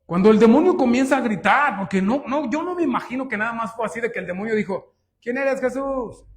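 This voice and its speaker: A high-voiced man preaches from the pulpit with great emphasis. He swells into louder stretches to drive points home and often asks his congregation rhetorical questions. He keeps turning to them as his brothers and sisters. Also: expressive, fast. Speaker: pastor. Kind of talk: sermon.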